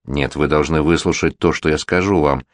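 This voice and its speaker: A man's voice: a bass voice, normal speed, no echo, voice pushed down. A man reading a gallant, insistent prince regent. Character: worldly, flirtatious middle-aged male prince regent.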